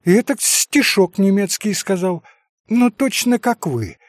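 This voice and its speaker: A fluttering, excitable middle-aged lady rushes through her words in a high, breathless voice, as a male audiobook reader puts her on. She is theatrical and fussy, forever gushing. The sound is dry and close, with a husky edge. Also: dry recording. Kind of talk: audiobook character reading.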